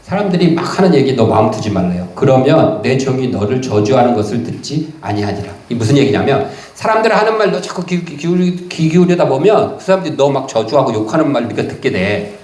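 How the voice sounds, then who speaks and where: Male pastor, chatty sermon style, very animated intonation, reverberant sanctuary sound. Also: mid-range voice. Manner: lively conversational preaching, reads verses slowly then paraphrases in casual speech. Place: church sanctuary.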